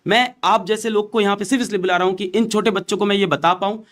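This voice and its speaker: A man's voice: sits high, fairly even intonation, fast, fairly bright tone. A man hosting a casual chat, friendly and teasing with his guest. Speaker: host.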